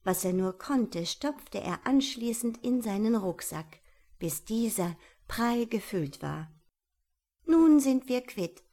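A woman narrating a children's storybook in a calm, measured, softly expressive way. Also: medium pitch.

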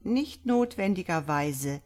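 A woman doing a calm, musing little priest. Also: lowish voice, takes it slowly. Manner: quiet, mild, musing. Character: calm, thoughtful small old male priest.

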